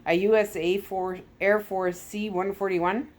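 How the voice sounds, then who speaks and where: A woman reader voices a smug Soviet KGB skipper, the chatty male villain in a storybook adventure, gloating theatrically and deliberately, pleased with himself and eager to explain. Her voice sits mid-range with fairly even intonation, close to how she'd normally speak, in a storybook read-aloud villain turn.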